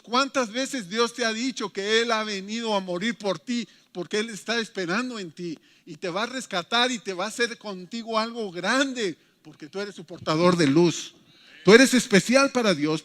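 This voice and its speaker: A Mexican pastor delivering an emphatic, animated sermon in a fairly high voice. His words carry with a long reverberant tail through a church hall.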